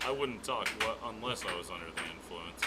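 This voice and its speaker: A man's voice: low voice, animated, brisk. A man with casual, wry banter, co-commentating live on a sports match. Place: indoor venue during a live match. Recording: very noisy room, clicks and door sounds.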